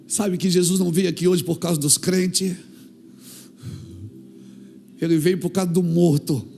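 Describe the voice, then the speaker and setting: A Brazilian man preaches with fervor, his voice pitched high and gravelly. He acts out little dialogues and climbs to shouted peaks. Soft music plays faintly underneath. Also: fairly even intonation, a little slow. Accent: Brazilian Portuguese. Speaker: pastor. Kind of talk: sermon.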